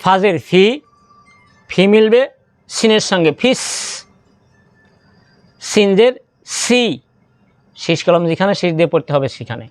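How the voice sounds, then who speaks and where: A man teaching Quran reading, slowly spelling out Arabic syllables in step-by-step drills and drawing out recited words. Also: high-pitched, animated, clean tone, no room sound.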